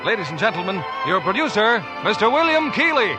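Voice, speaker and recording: A man announcing a radio show in a formal, booming style. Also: very animated, a little fast. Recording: old 1940s radio broadcast with music.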